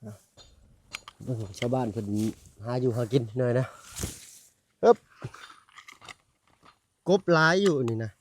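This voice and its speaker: This vlogger's mid-range voice has lively intonation but moves slowly, with long pauses, recorded dry and from afar with a slight hiss or hum. Narrating casually outdoors in a village in his northeastern Thai Isan accent, he chats with people along the way and calls his viewers brothers and sisters.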